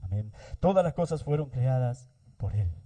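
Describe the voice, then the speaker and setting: Guy preaching a sermon, really deep mellow tone, lots of amens and brothers. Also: sing-song. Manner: addresses listeners as brothers, adds frequent amens; explains slowly with pauses and restarts. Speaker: pastor.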